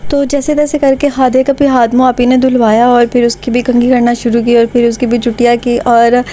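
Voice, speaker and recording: Chatty Pakistani woman, mellow voice. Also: fairly high pitch, flat delivery, fairly quick, slight background noise. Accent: Pakistani Urdu. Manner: chatty and warm-hearted, with frequent conversational fillers. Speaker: vlogger. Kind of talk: voice-over narration of a family vlog.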